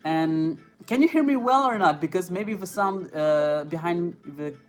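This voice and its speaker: A native French speaker from France with a French accent hosts an inline skating live stream, reading chat questions aloud in a high, unhurried voice. He hesitates with fillers and laughs often, recorded on a phone with faint music in the background.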